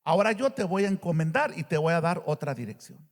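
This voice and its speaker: Preacher doing a stern divine lord giving orders, high lively voice. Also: male voice, fairly quick, in a large hall.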